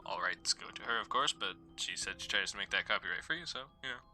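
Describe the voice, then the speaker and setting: Bright-voiced man streaming a game. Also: fairly low pitch, fast talker. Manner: rambling, stumbles while reading text aloud. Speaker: gaming streamer. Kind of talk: casual live game commentary. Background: faint game music.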